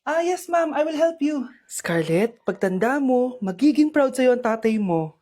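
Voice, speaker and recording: A woman putting on a tired, struggling single father from a short skit. The voice drops lower than her own and sounds heavy and downcast, yet still fairly high overall. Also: animated, a little slow, mellow. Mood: weary.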